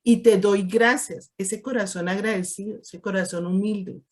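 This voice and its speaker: A woman's voice: medium pitch, steady tone, moderate pace. A woman leading a Bible study in a conversational way, firing off rhetorical questions and acting out what people say. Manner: strings rhetorical questions and acts out quotes.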